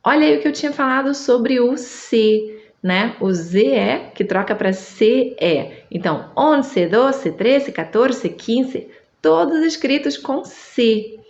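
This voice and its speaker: A Brazilian woman whose first language is Portuguese, teaching Spanish in an online lesson, drawing out each word slowly and checking in with her listener. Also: on the high side, lively intonation, darkish tone, reverberant, muffled recording. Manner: slow, drawn-out drilling of words, checks in with the listener.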